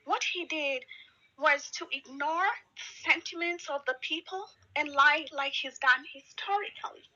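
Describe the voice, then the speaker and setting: Angry high-voiced woman on a call. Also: unhurried, sharp tone. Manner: angry, indignant, emphatic. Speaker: caller on a live audio space. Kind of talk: impassioned political commentary. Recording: lo-fi call audio.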